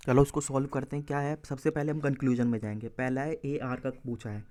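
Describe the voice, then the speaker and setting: A man's voice: medium pitch, flat delivery, fairly quick, warm tone, a little hiss or hum. A man teaching exam reasoning, explaining step by step and correcting himself. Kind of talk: exam-prep lesson walking through answers.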